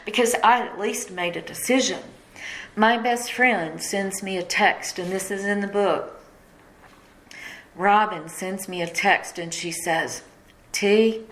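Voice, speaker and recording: A woman's voice: medium pitch, a bit bright, poor audio. A middle-aged woman, tearing up as she tells her listeners a personal story of pain and surrender in an emotional, heartfelt way. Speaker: radio host and speaker.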